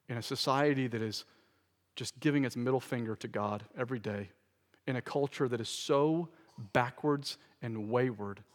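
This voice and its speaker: A man's voice: medium pitch, in a large hall. A man preaching a sermon as pastor, emphatic and repeating key phrases for stress, in a church sanctuary.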